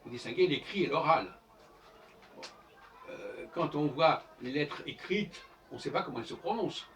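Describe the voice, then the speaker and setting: Animated and moderately paced, a man with a fairly high voice gives an informal lecture on his own channel. Professorial in manner, he spells examples out letter by letter, picked up by a distant mic with faint background noise.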